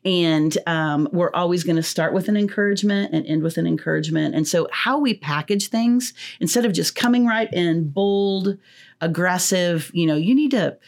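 A woman with a lowish voice, guesting on a podcast. She explains how she guides her staff in a friendly, explanatory way. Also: normal speed. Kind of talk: podcast conversation.

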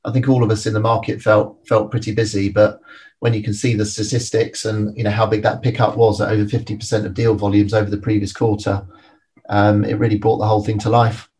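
A man speaking as an expert guest, giving measured, analytical answers in an interview. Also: lowish voice, level tone, a little mellow. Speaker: private equity expert guest.

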